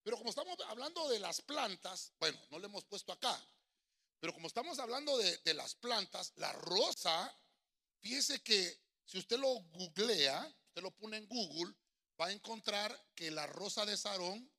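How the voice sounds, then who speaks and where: Male pastor, middle-aged, bright, sharp tone, lively sermon delivery in a church. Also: sits high, normal speed, vocal fry. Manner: sings choruses, addresses listeners as brother.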